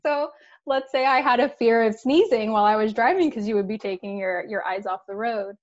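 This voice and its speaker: A woman's voice: a little high, fairly quick, dull audio. A woman guest in a casual interview, upbeat and laughing, explaining things with everyday examples. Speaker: guest sharing diving stories.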